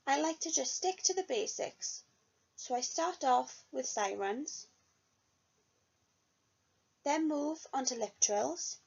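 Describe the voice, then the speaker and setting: Reading her self-review slowly and pausing often, a young woman with a high voice and vocal fry reflects earnestly on a year of singing study as a music student. The audio is dull and lo-fi.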